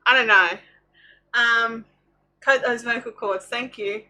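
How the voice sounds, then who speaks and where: A woman's voice: fairly high pitch, steady tone, takes it slowly, sharp tone, a little hiss or hum, low-quality recording. A woman hosting a casual craft livestream, chatting informally and thinking aloud in a scattered, self-interrupting way.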